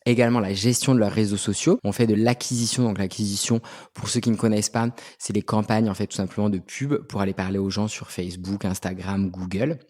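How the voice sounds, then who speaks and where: In a casual interview, a pet specialist and agency head from Brittany, France, in his thirties, speaks a little fast in a fairly low, darkish, level voice, often restarting and using fillers.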